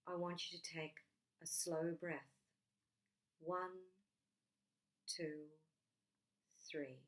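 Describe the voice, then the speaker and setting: Short, gentle phrases with long pauses between them mark this woman's soothing guided relaxation meditation, delivered in a voice on the low side.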